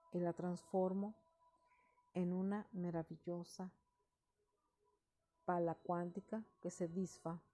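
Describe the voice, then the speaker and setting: Female meditation guide, mellow and lowish, very unhurried, soft breathy delivery with measured phrases. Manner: measured, pausing between short phrases. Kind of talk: slow guided meditation with recited affirmations.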